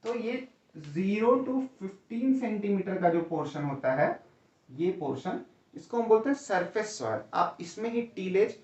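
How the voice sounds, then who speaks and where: A man's voice: high voice, animated, a little slow, a little mellow. A male teacher giving an exam-prep lecture, explaining step by step and often checking in with "है ना?" and "ठीक है?", calling students "भैया". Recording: roomy, distant, dull lo-fi sound.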